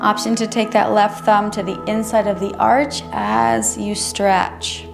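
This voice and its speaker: A woman instructing a chair yoga class in a careful, unhurried way, gently guiding each movement. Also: medium pitch, little pitch movement, vocal fry. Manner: careful, unhurried, measured delivery. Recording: roomy echo, music underneath. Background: music.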